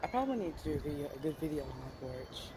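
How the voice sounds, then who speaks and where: Higher-voiced man talking into roaring wind. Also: very animated, rapid-fire. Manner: talking outdoors with wind in the face. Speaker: amateur weather vlogger. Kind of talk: casual vlog chat. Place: outdoors on a windy porch. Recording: very loud wind noise outdoors. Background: loud wind, wind chimes.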